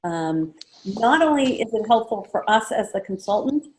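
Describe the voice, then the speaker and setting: A woman running a sales training session, casual and chatty, acting out guest conversations in a livelier voice. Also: normal speed. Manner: acts out guest chats in a lively higher voice; casual, chatty, many fillers. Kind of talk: training talk to a small group.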